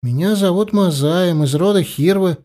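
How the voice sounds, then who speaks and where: Man doing a scared teen boy, high pitched, pleading and yelling. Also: moderate pace, close to an everyday voice. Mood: panicked. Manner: anxious, pleading, shouting in fear. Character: frightened defiant teenage boy.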